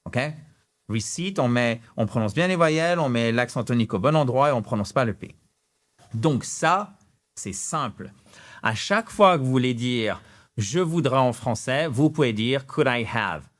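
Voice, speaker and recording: A man with a French accent teaching English phrases in an animated online lesson, gesturing and stretching out example sentences with rising intonation. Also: medium pitch.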